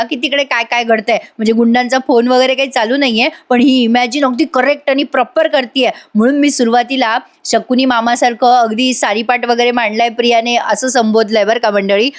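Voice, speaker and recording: A woman giving a chatty voice-over review of a TV serial episode, exclaiming and speaking straight to her audience. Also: on the high side.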